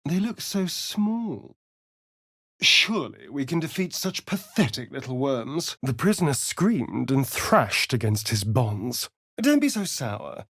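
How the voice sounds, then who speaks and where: A swooping, theatrical vampire rogue, Astarion. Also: male voice, dry recording, studio quality. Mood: dramatic storytelling. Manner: arch, theatrical, drawling, with big swoops in pitch. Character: sly, theatrical male vampire spawn rogue, flippant and sardonic. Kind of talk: video game voice lines and narration.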